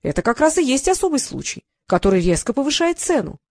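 A woman's voice: high-pitched, sing-song, fast, darkish tone, no room sound, studio quality, pitched above the performer's own voice, exaggerated voice. A woman playing a sly greedy slave trader. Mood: sly, haggling.

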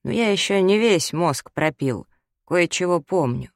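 A man's voice: high-pitched, expressive, unhurried, gravelly, dry recording, studio quality, heavily acted. A man doing a brash, bossy drinking doctor. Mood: offhand. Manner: jokey, bossy, offhand. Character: brash, hard-drinking male doctor, middle-aged. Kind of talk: audiobook character reading.

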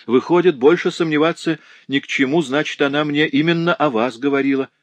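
A man's voice: fairly low pitch, animated, normal speed, dry recording, pitched above the performer's own voice. A man voicing a cheerful, tender-hearted young working woman in an audiobook, chattering eagerly and emotionally. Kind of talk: audiobook character voice.

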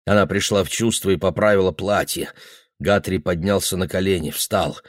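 A man reading a novel aloud in a steady, even narration. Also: sits low, moderate pace, no room sound, clean studio sound. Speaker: audiobook reader. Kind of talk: literary narration.

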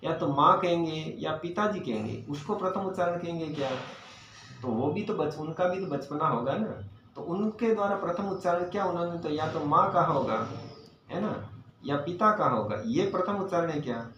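A man teaching Sanskrit grammar to a class, explaining patiently, asking his students questions and reciting verses slowly. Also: fairly high pitch, a bit bright, slight background noise. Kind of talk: classroom lecture. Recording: echoey, dull lo-fi room recording.

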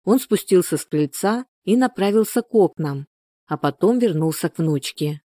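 A woman narrating a novel in an even, measured storytelling manner, close to the mic. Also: fairly low pitch, dry recording. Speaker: audiobook reader.

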